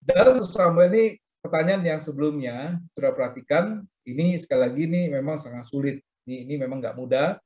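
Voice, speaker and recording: A middle-aged man, teaching the Bible in sermon style, often turning to his listeners and acting out quoted speech. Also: fairly quick. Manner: addresses listeners as "saudara", frequent "begitu ya" tags; animated, acts out quoted speech with rising pitch. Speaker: pastor teaching a Bible reading class. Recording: roomy, dull lo-fi sound.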